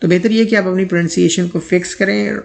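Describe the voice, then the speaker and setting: A man teaching English pronunciation in a lesson, speaking, who repeats each word slowly and then reads out an example sentence. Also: sits high, fairly even intonation, gravelly.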